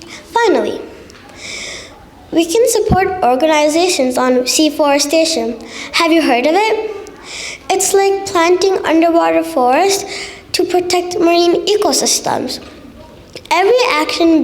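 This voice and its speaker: A child of nine or ten giving a prepared competition speech in a stiff, memorized delivery. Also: very high-pitched. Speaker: contest speaker. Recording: hall with long reverb.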